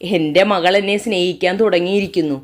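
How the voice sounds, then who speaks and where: Woman reading a gentle, soothing father. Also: fairly low pitch, steady tone, brisk, lightly acted. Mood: tender. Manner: soft, reassuring. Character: loving middle-aged father, gentle and soothing.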